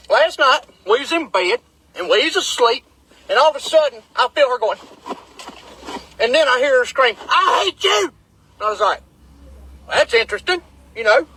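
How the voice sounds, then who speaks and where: A man telling a comic story from inside his truck, with incredulous, deadpan asides. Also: very high voice, breathy edge, dry recording, rough recording. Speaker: comedic storyteller. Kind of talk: comedic storytelling vlog. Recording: dry, close sound in a small cab.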